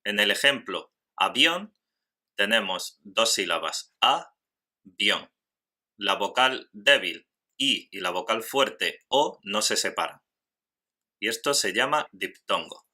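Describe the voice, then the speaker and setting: A man teaching a grammar lesson in scripted narration, slowly and carefully spelling out syllables. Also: lowish voice, expressive, pushed and bright.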